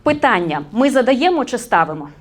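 Woman running a lively language workshop. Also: a little high, brisk. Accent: Ukrainian. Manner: quizzes the audience and corrects usage. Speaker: media trainer.

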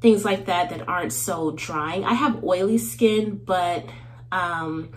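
Speaking slowly in a fairly low voice, a thirtysomething woman hosts a get-ready-with-me chat from her small bathroom. The beauty vlogger is talkative, laughs a lot, and sounds a bit stuffed up from a cold.

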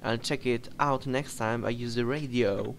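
A man reading out the lines of a wary, puzzled young male survivor in a horror game, slowly and carefully. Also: medium pitch, a little hiss or hum, lightly acted.

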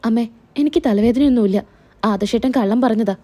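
A woman's voice: on the high side, brisk, mellow, close to an everyday voice. A woman voicing a hurt young wife in a spoken serial recap, pleading and upset.

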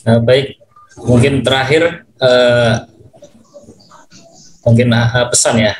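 Sex: man. Role: interviewer and host. Pitch: mid. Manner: measured and explanatory, with hesitant fillers. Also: steady tone, rough recording. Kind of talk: conversational interview.

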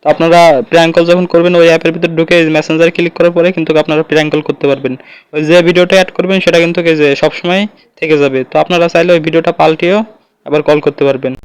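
The host's voice is on the high side and clean, delivered flatly and very fast with no echo. In this casual tutorial he explains each step and highlights things as he goes, repeating fillers, on a close, lo-fi recording that is slightly dull.

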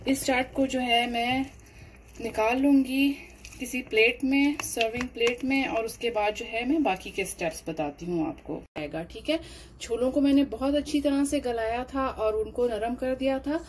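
A woman's voice: on the high side, a little hiss or hum, low-quality recording. Woman, cooking tutorial. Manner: unhurried, explains each step with many fillers. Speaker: cooking channel host. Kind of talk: home cooking demonstration voice-over.

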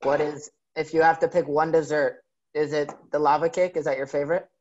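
A man hosts a virtual fan event, casually asking his guest questions and chatting with him over dull, lo-fi call audio. His voice sits a little high, level and slightly mellow, moving fairly quickly, with a faint hiss or hum.

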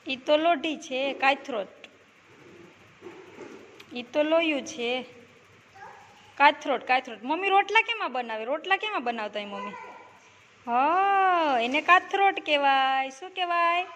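A high-pitched woman leads a village preschool class. She coaxes the children with repeated questions and praises each answer. The recording carries plenty of classroom noise. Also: animated, measured pace, long pauses, a bit bright. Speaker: preschool teacher.

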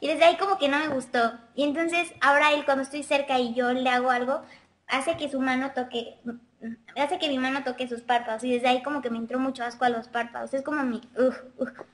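Chatting quickly in a high, girlish, childlike voice, a woman answers viewers' questions live, reading their comments aloud during a casual webcam stream. Her tone stays steady throughout. She's recorded on a webcam mic.

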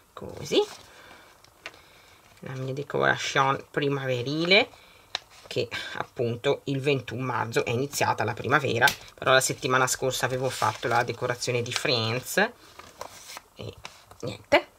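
A woman's voice: very deep voice, measured pace, gravelly, long pauses, bright, forceful tone, a little hiss or hum. A middle-aged woman vlogger chatting casually while decorating her planner and opening a surprise bag, reading out long lists of greetings. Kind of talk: casual chat while unboxing.

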